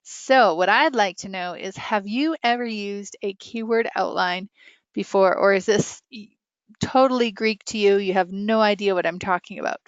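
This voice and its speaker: A woman's voice: mid-range voice, moderate pace, clean tone, dry recording. A woman teaching a casual, interactive online writing lesson, chatty and full of questions for her students. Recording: dull, lo-fi online class audio.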